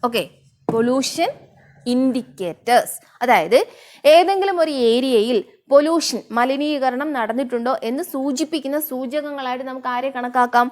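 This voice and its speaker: A woman teaching a biology lesson, asking questions and answering them herself, and slowing down to spell out English terms. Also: high-pitched. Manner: asks and answers her own questions, slows down for English terms. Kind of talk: online class lesson.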